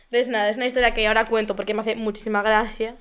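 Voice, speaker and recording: A woman's voice: a little high, racing, clear, resonant tone. A young woman from co-hosting a casual podcast, telling an embarrassing story with lots of laughter and comic exaggeration. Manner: animated, laughs often, exaggerates for comic effect. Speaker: podcast co-host.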